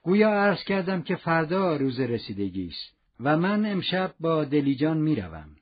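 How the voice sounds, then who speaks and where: A stern, unbending police inspector, read by a man with a husky, lively voice that sits a little low. He speaks gravely and formally, pressing his point. The audio is dull and lo-fi. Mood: grave, insistent. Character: stern male police inspector, rigid and self-punishing.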